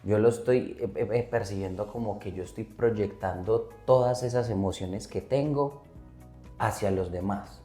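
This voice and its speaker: A man with a very low, mellow voice hosts the conversation, hesitating and restarting as he works through ideas aloud. The recording has a roomy echo with faint music beneath. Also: a little slow. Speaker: podcast host. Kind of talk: conversational interview questions.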